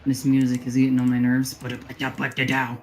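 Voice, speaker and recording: A woman acting as game master, narrating an online role-play in a relaxed, wry way and laughing easily. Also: extremely low pitch, fast, a little hiss or hum.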